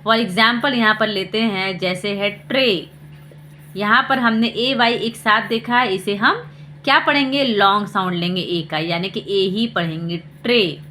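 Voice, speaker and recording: A woman, hosting a parenting channel, explains phonics slowly and deliberately and asks rhetorical questions. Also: mid-range voice, pushed and bright, a little hiss or hum.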